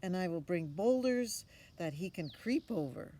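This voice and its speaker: A woman's voice: lowish voice, lively intonation, measured pace, dark tone. An older woman voicing an eager, confident young boy in a storybook, earnest and emphatic, recorded outdoors. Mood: eager, assured. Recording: outdoor ambience with noticeable background noise.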